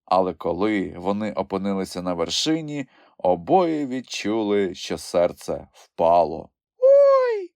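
A man narrating a children's audiobook in an expressive storytelling manner. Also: low-pitched, unhurried, vocal fry, hardly any pauses, no echo, studio quality. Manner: expressive storytelling with lively swings. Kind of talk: scripted narration.

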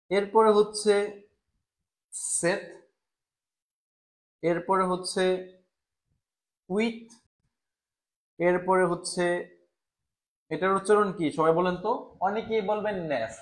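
High-voiced man teaching French pronunciation. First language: Bengali. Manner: slow, syllable-by-syllable pronunciation drills. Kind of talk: live online language class.

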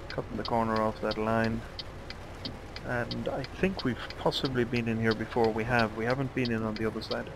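A man's voice: medium pitch, vocal fry. Tired man musing over a noisy game. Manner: relaxed, musing aloud, talks to himself. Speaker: let's play gamer. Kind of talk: casual gameplay commentary. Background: truck driving game sounds.

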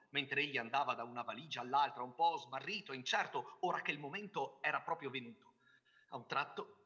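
A man reading a literary first-person story aloud on a theatre stage, measured and clear. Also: medium pitch, sharp tone. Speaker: reader.

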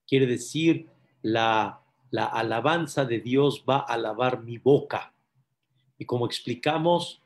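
A man, a rabbi, giving a sermon-style Torah class, telling a story and addressing his listeners directly. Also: mid-range voice. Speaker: rabbi teaching Psalms.

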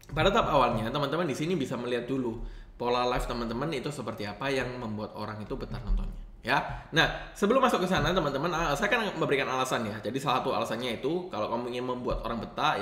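Man teaching in a roomy echo. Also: medium pitch. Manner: lively rising and falling intonation, addresses viewers often. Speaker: host of a channel teaching live streaming. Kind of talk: casual tutorial talk.

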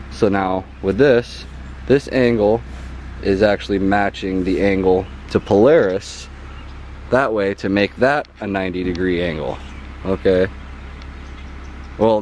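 A man's voice: low voice, a little mellow, a little hiss or hum. A man giving a casual hands-on demonstration outdoors in a yard, often checking in with "okay?" and filling gaps with ums. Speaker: hobbyist explaining a homemade astrophotography mount.

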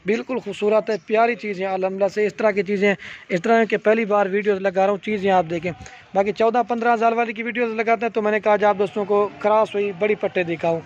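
A goat seller with a Pakistani Urdu accent casually walks through his farm, showing the animals in a farmyard beside a garden. His voice is high, his intonation fairly even, and his pitch is salesy and repetitive, full of "theek hai" check-ins. The phone recording is slightly muffled, with faint outdoor ambience and slight background noise.

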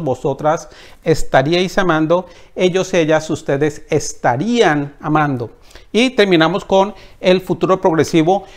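A man teaching a Spanish grammar lesson, calmly explaining and slowly reciting verb forms one by one, with frequent pauses and fillers. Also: fairly high pitch. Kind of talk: slide-based grammar lesson.

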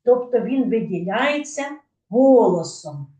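A woman teaching young children, speaking slowly in a sing-song way and stressing syllables carefully. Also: a little high, animated, warm tone. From Ukraine. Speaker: kindergarten teacher. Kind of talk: slow, clear lesson for young children. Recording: echoey room, mic far off.

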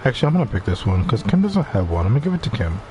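A man's voice: on the low side, rapid-fire, faint music behind. A man streaming live, chatting casually with viewers, swearing freely and laughing often. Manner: profane, animated, laughs often.

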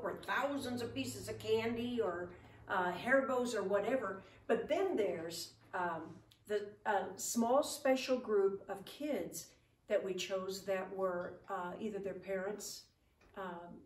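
A middle-aged woman giving an earnest, encouraging chapel talk to children. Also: mid-range voice. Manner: earnest, encouraging, gesturing while speaking. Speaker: ministry speaker at school chapel. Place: living room, indoors. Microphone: far camera. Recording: roomy, distant camera audio with faint noise.

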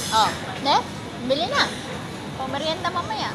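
High-voiced chatty Filipina vlogger. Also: female voice, very animated, measured pace. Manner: chatty, teasing, mixes English in. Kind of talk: casual travel vlog. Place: busy indoor mall, then outdoor park. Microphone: phone camera at arm's length. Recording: noisy public space.

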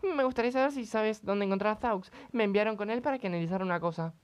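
A man voicing a polite young game hero in a much higher voice. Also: fast talker, smooth, close to an everyday voice. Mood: earnest.

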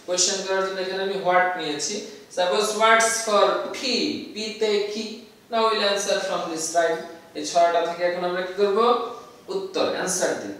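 A man with a Bangladeshi accent teaching a children's language lesson. He speaks slowly and deliberately, repeating each point for young learners. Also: sits high, fairly bright tone. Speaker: English teacher. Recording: very echoey room, voice from far off.

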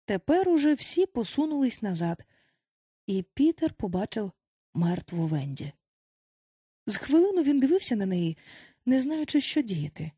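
A woman narrates a classic children's tale with plenty of expression. Her voice is on the high side and swings widely in pitch, with a husky, breathy grain. Soft music plays faintly behind her. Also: moderate pace, pauses often, dry recording, clean studio sound. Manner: animated, voices each child in turn. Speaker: audiobook narrator.

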